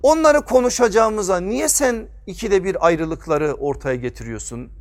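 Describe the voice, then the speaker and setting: High-voiced man preaching at a pulpit microphone. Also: lively intonation, moderate pace. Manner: emphatic, answers his own rhetorical questions. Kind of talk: sermon.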